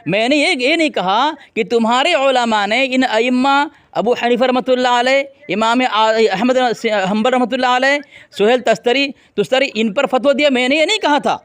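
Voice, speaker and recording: A man's voice: very high-pitched, moderate pace, a bit bright, clear, resonant tone. A man in a heated religious debate, combative and taunting as he insults his opponent over a call.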